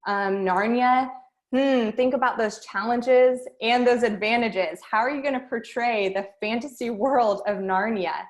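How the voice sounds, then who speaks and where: A woman's voice: a little high, measured pace. A woman, a speech and debate coach teaching an online workshop and guiding students through a string of questions.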